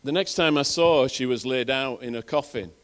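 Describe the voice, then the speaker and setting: A man's voice: mid-range voice, a little fast, a bit bright. A middle-aged man preaching to his congregation in a Northern English accent. He tells personal stories earnestly, circling back and restarting his words as he goes. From England. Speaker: pastor. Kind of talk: sermon.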